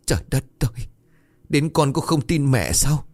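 Old mother in a ghost story, high and tearful, a man putting on the voice; lively swings in pitch, dry close sound. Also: normal speed, no echo, faint music behind. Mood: pleading. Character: grieving old village mother, pleading.

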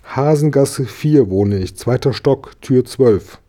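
A man's voice: mid-range voice, slow, warm tone, voice pushed up, close to an everyday voice. A man reading a children's story, voicing an anxious, proud little boy in an earnest, indignant way, close to his own voice.

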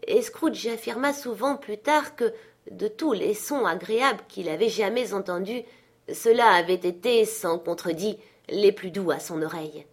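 Woman, audiobook narrator, even storytelling, scripted reading. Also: mid-range voice, moderate pace. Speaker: audiobook reader.

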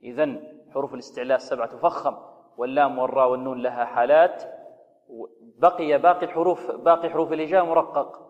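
A man teaching the rules of Quran recitation. He poses questions, answers them himself, and slowly intones sample verses to show the sounds. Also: mid-range voice, steady tone, long reverb tail, narrow, tinny audio. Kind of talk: tajweed lesson on radio.

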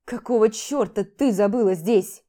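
A woman voicing a furious, heartbroken young man who talks rudely and shouts harshly in an audiobook. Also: medium pitch, moderate pace, close to an everyday voice. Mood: angry, shouting.

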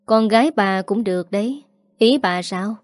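A woman's voice: mid-range voice, normal speed, no room sound, studio quality, close to an everyday voice. A woman voicing a crude, menacing male debt collector who threatens and leers. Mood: sly. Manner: threatening, sly. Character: menacing male loan shark, leering and crude.

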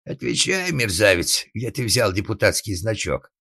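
A man voicing a furious old father in an audiobook, shouting and lamenting in drawn-out cries. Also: on the low side, wildly swooping pitch, breathy edge, dry recording, studio quality, voice pushed up, exaggerated voice. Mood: raging. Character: furious old male father, bellowing, tyrannical. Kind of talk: audiobook narration.

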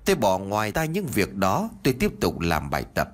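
A man's voice: on the low side, huge pitch swings, fairly quick. A man reading a first-person ghost story in a dramatic, emotive way.

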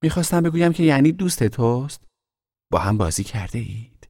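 A curious little brother who keeps prying with eager questions, voiced by a man narrating the story. The voice sits far above the reader's deep register and stays a little husky. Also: sing-song, dark tone, no echo, clean studio sound.

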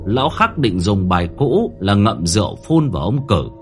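A man's voice: lowish voice, sing-song, a little hiss or hum. Man narrating a dramatic horror tale. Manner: dramatic, slowing at tense moments. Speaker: storyteller.

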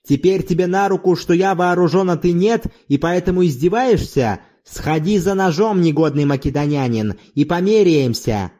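A man's voice: sits high, moderate pace, hardly any pauses, dark tone, pitched above the performer's own voice. A man voicing a fierce, vengeful young village brute who snarls threats in a storybook reading. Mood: raging.

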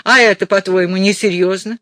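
A man doing a shrill indignant old mother. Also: expressive, normal speed, a bit bright, no room sound. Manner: shrill, scolding, emphatic. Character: fussy elderly mother, excitable and indignant. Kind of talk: audiobook character voice.

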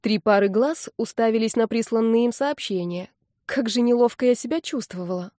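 A woman reading a first-person audiobook narration in a wry, lively storytelling manner. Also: on the high side, normal speed, no echo, clean studio sound.

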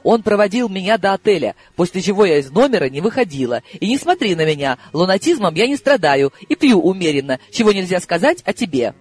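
A man's voice: sits high, very animated, quick pace, hardly any pauses, slightly rough, voice pushed up, full character voice. A male audiobook reader voicing an impatient, headstrong woman in love who speaks insistently. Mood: exasperated. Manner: insistent, exclamatory. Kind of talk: audiobook character voice.

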